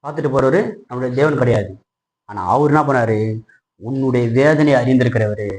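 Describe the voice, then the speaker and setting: A man preaching a passionate sermon, putting questions to his congregation and building to loud, high-pitched peaks. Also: fairly quick, rough recording. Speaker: pastor.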